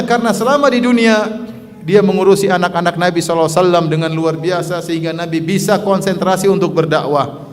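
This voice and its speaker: A man's voice: on the high side, big-room sound. A man preaching a sermon to a women's study circle. He is earnest, drops playful asides, and tags nearly every phrase with a short "ya". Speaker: Islamic preacher.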